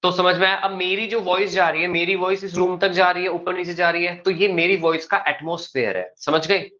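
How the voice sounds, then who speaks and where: In a muffled, lo-fi classroom recording, a male teacher with a high-pitched, bright, forward voice lectures at a steady, relaxed pace. He repeatedly stops to confirm his students are keeping up.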